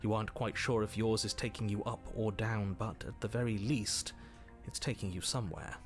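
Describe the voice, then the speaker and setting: An actor playing a dry, measured narrator in a horror video game, telling the story in a slightly teasing tone. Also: male voice, fairly low pitch, fairly even intonation, faint music behind, lightly acted. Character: calm, wry male storyteller narrator.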